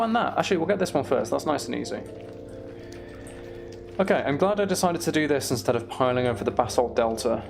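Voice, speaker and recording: Playing a video game, this British gamer talks through his moves out loud, dropping the odd mild swear word. He speaks on the high side with a touch of vocal fry.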